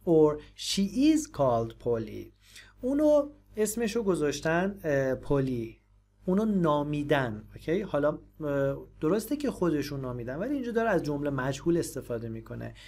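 A woman with Persian as her first language, teaching English and patiently explaining phrases, repeating them slowly. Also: sits low, a little mellow.

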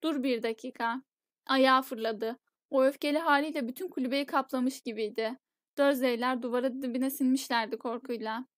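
In this audiobook narration, a high-voiced woman reads a novel aloud with calm, measured storytelling. The sound is close and dry, free of any room sound.

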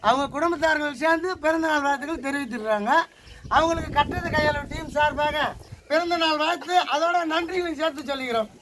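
A man with a very high voice makes formal announcements at speed. He is outdoors, and loud noise runs behind him. His delivery is even and announcer-like. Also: quick pace. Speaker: vlog co-host. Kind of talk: announcing dedications.

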